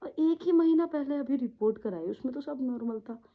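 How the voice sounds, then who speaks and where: A woman telling a personal story in a halting, repetitive way, often trailing off, with a grieving tone. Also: high voice. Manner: emotional, grieving tone. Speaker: vlogger. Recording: tinny phone-like audio.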